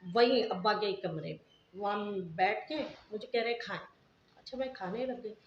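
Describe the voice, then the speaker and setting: A woman's voice: mid-range voice, normal speed, a little hiss or hum. A middle-aged woman vlogger telling a family story to her viewers in a casual, earnest, moralizing way. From Pakistan. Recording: echoey, dull lo-fi home recording.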